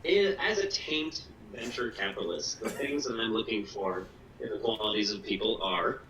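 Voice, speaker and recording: A man, a game developer guest, improvising a mock-serious sales pitch and laughing along. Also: moderate pace, pushed and bright. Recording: roomy room, distant mic, faint hiss.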